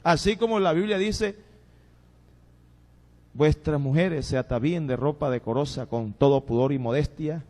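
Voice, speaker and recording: A man's voice: on the high side, normal speed, long pauses. A man preaching a sermon in a church, telling stories and acting out the voices of the people he quotes. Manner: storytelling, animated, acts out quoted voices. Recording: long reverb of a church hall.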